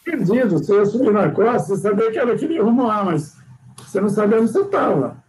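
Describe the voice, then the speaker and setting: Over a low-quality recording with a bit of hiss or hum, an older man from Brazil spins sea stories as a guest sailor. His high, darkish voice is lively and quick, and he rambles, restarts often, and keeps adding "né?" to his sentences.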